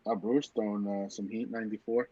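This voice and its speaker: Deadpan, teasing man on a dull mic. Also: on the low side, quick pace, no room sound. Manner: dry teasing, deadpan play-by-play. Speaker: podcast co-host. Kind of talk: casual watch-party chat with mock play-by-play.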